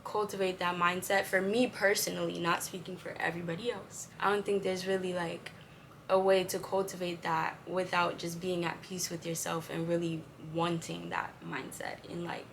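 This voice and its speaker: A woman's voice: lowish voice, little pitch movement, normal speed, creaky, fairly bright tone, a little hiss or hum, low-quality recording. A young adult woman chatting casually to her followers in a laid-back, slangy stoner way, as a vlogger. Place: inside a parked car, later a room at home.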